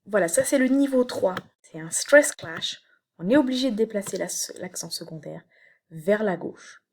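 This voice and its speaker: A woman teacher who explains slowly in a recorded video lecture, with many fillers and restarts. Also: mid-range voice, a little mellow. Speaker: university teacher. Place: home, late evening.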